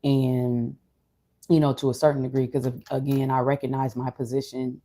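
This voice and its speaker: A vlogger shares personal reflections in a casual monologue. The voice is mid-pitched, dark and mellow, with little melodic movement. Delivery is subdued, low in energy and unhurried. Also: level tone. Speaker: streamer or vlogger.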